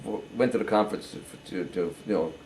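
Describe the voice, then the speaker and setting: An older man giving a halting, earnest personal testimony, often repeating words as he goes. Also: lowish voice, darkish tone, a little hiss or hum, poor audio. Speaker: interviewee.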